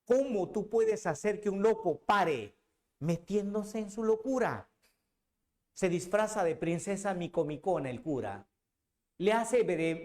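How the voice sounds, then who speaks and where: A man, teaching literature as a dramatic storyteller who talks straight to the student. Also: high-pitched. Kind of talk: animated lecture.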